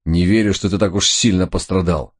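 A man's voice: low voice, fairly even intonation, brisk. A man voicing a cool-headed man who speaks curtly, coldly and impatiently. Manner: curt, cold, impatient. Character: cool-headed man tending his brother, curt.

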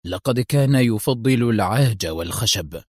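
A man voicing a calm, sly old male Buddhist high monk who speaks quietly and slowly with suspicion. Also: no echo, clean studio sound. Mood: quiet, wary.

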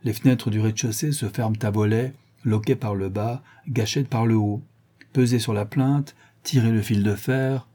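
A man reading the part of a cunning old one-eyed woman thief, reporting in brisk detail in an audiobook. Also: fairly low pitch, fairly even intonation, mellow, husky.

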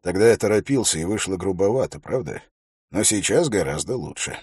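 A man voicing a gruff, grey-bearded old ranger who speaks in a dry, wry, unhurried way. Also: sits low, lively intonation, darkish tone, no room sound, heavily acted.

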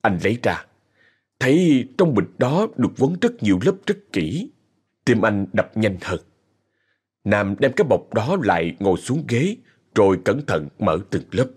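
A man narrating a scripted story in a soft, expressive way. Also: fairly low pitch, unhurried, breathy edge. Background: faint music.

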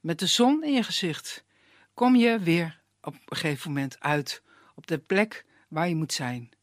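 Storyteller playing a fatherly old wood gatherer, calm, unhurried, slightly raised voice, dry sound. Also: a little high, no echo. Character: calm kindly older male wood gatherer.

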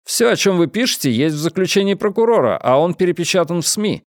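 A man doing a brisk smug lawyer. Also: high voice, animated, no echo, studio quality, pitched above the performer's own voice.

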